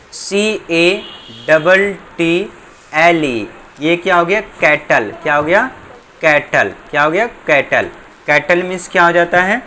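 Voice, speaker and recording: Bright-voiced man teaching in question-and-answer drills. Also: a little high, slight background noise. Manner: asks questions and answers them himself, repeating each word. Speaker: English teacher. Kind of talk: board lesson explaining English spelling.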